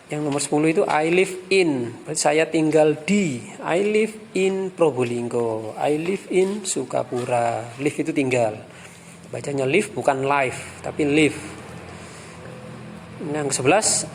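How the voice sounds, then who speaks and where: A male English teacher with an Indonesian accent explains self-introduction phrases, slowly drawing out each model phrase between quicker explanations. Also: on the high side, gravelly, a little hiss or hum. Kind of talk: classroom lesson explaining phrases.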